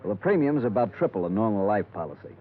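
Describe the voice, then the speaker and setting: In a 1950s radio drama, a man plays a worn-out, stubborn, suspicious insurance boss who grumbles and insists. His voice sits on the low side and is very animated and fast. The recording is tinny and band-limited, typical of 1950s radio.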